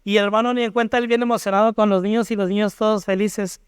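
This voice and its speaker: A man's voice: sits high, fairly even intonation, fast, clean tone, no echo, clean studio sound. A man with a Mexican accent giving a personal testimony at a church panel, acting out remembered dialogue as he tells it. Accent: Mexican Spanish.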